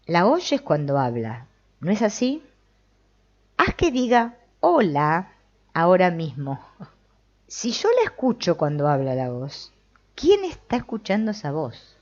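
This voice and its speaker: A woman's voice: low-pitched, darkish tone, highs cut off. A woman giving a reflective spiritual talk, commenting on a text she reads and asking the listener questions. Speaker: spiritual teacher.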